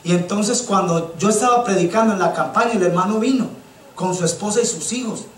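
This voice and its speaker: High-voiced preacher in an echoey church. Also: male voice, brisk, a bit bright. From Colombia. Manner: impassioned storytelling, keeps addressing listeners as brother. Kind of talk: sermon. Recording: echoey church sound from a distant mic.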